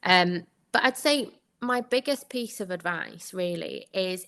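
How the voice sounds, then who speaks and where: A young Welsh woman, an anaesthetics trainee and guest whose first language is Welsh, answers interview questions chattily and laughs often between points. Her voice sits on the high side, with a bright, forceful tone.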